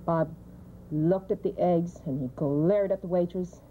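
A woman, an education TV specialist, telling a brisk roast anecdote building to a punchline, on a dull lo-fi recording. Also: fairly low pitch, fairly even intonation. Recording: dull lo-fi TV recording, faint hiss.

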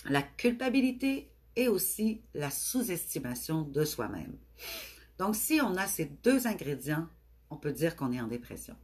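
A middle-aged woman with a Québécois French accent, speaking gently and affectionately to her live-stream viewers with many hesitations. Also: low-pitched, very animated, unhurried, slightly rough.

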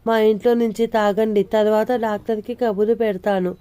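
A woman's voice: medium pitch, steady tone, normal speed, mellow, clear, resonant tone, close to an everyday voice. A woman voicing a prying older male neighbor who lectures in a fatherly, preachy way, in an audio novel. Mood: lecturing.

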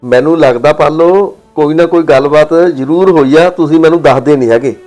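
A man's voice: fairly high pitch, fairly quick, darkish tone, soft background music, lightly acted. An actor playing a retired army man visiting his in-laws, polite at first and then insistent on getting answers. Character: retired army man, son-in-law, firm and probing. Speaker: actor in a family drama. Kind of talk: village family drama acting.

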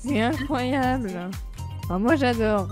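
A woman playing a pretentious, over-admiring female fashion judge, halting and effusive, in a comedy role-play. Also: a little high, animated, a little mellow, faint music behind. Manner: halting, effusive, repetitive praise.

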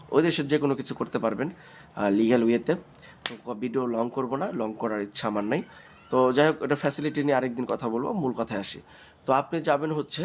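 A man with a Bangladeshi Bengali accent talks straight to his viewers in a casual vlog. His pitch sits at an ordinary middle level. He circles back over his points and fills the gaps with "uh", with faint ambience behind him. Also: slight background noise. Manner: rambling, repeats himself, frequent "uh" fillers; addresses viewers directly, defensive about critics. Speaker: channel host.

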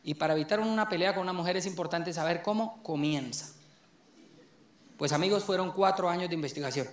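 A man's voice: brisk, slight background noise. A man doing a stand-up comedy routine on stage. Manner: acts out a nagging wife in a shrill voice. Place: comedy stage with live audience.

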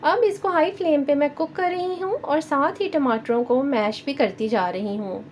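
A woman with a Pakistani Urdu accent hosting a cooking channel, giving calm step-by-step recipe instructions in a voice-over. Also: high voice, normal speed, a little hiss or hum. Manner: calm, instructive, addresses viewers directly.

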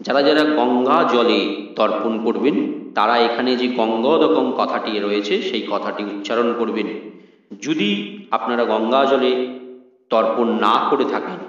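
A man who chants mantras slowly and explains a ritual to viewers step by step. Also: medium pitch, fairly bright tone. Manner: slow measured chanting, then plain explanation to viewers. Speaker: ritual instructor. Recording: echoey, distant, slightly dull.

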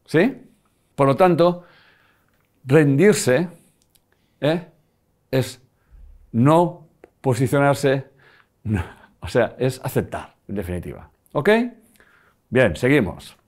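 Speaking slowly at medium pitch and leaving long pauses, an older Spanish-accented man gives a live lecture. His manner is animated, and he keeps checking that listeners follow along.

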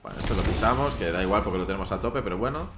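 Very fast and lowish, a man's voice keeps up casual chatter with viewers as he plays a video game. It's let's-play commentary from a streamer, captured in an echoey room with faint noise.

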